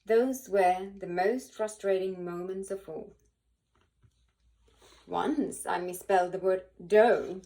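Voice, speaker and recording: Expressive woman reading a children's story. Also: medium pitch. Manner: animated, dramatic pauses and emphasis. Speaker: volunteer children's book reader.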